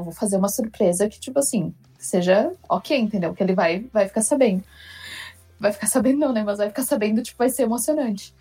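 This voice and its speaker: Young woman chatting on a podcast, high voice, kinda husky, acts out quotes. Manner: lively, acts out quotes, repeats herself. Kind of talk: casual storytelling chat.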